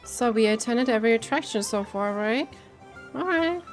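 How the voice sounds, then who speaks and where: A woman giving casual game reaction commentary, thinking aloud in a halting, musing way. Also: a little high, animated. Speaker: streamer. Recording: game music behind the voice.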